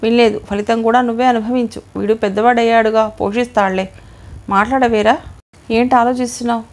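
A woman's voice: on the high side, steady tone, a little fast, darkish tone, lightly acted. A woman voicing a callous, wealthy older father in an audio novel, cold and mocking.

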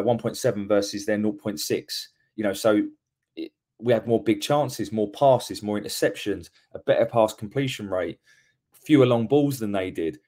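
A man hosts a solo post-match football reaction podcast from home on a webcam. His voice is fairly low and a little mellow, and he gives frank opinions, often repeating words as he corrects himself.

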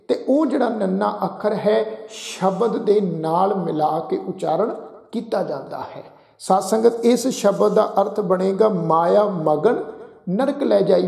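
A man's voice: sits high, vocal fry, warm tone, reverberant, long reverb tail. A man with a Punjabi accent teaching how to pronounce scripture, addressing the congregation often and spelling words out letter by letter. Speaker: Gurbani pronunciation teacher. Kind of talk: religious lesson, slow careful recitation.

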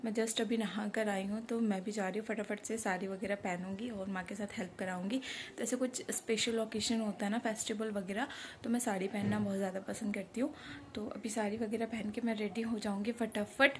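A young woman vlogging casually from her family home, often narrating in a hushed near-whisper. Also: steady tone, fairly quick, a little hiss or hum. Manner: high sing-song baby talk to her son.

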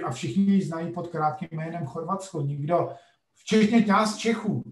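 A man's voice: fairly high pitch, reverberant, far from the mic. A middle-aged man, a geography professor, telling a story in a lecture-like way, emphatic, with frequent hesitation sounds. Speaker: podcast guest, geography professor.

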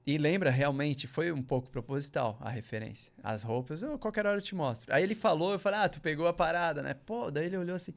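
A man with a fairly high, gravelly voice tells a long story as a podcast guest. He speaks in casual chat full of slangy asides. He raises his voice to act out what other people said. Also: fast, hardly any pauses.

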